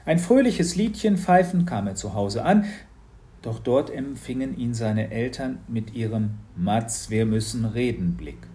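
A man reading a children's book aloud, telling the story in a lively, engaging way. His delivery is even-handed and clear, in the manner of a practised storyteller. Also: mid-range voice, a little slow. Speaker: narrator. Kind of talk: children's audiobook narration.

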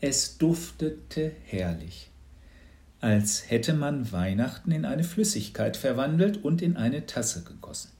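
Expressive man reading a storybook. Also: mid-range voice, a little slow, creaky, few pauses. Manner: lively, expressive. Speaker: narrator.

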